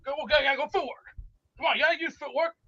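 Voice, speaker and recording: A man's voice: very high-pitched, fairly even intonation, quick pace, vocal fry, bright, forceful tone. A man chanting and boasting playfully while calling in to a sports show. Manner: chanting, taunting. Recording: dull lo-fi line.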